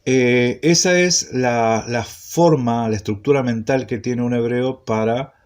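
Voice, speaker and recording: A man teaching an introductory Hebrew class, speaking slowly and repeating points, often checking in with a questioning "¿sí?". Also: medium pitch, clean tone. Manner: slow, repetitive, checks in with frequent "¿sí?". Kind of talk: classroom lecture.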